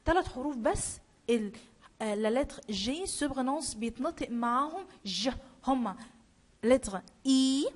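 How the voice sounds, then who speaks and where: A woman French teacher with an Egyptian Arabic accent, slowly spelling out letters and repeating sounds, switching between French and Arabic. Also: high-pitched, darkish tone. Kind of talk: classroom lesson.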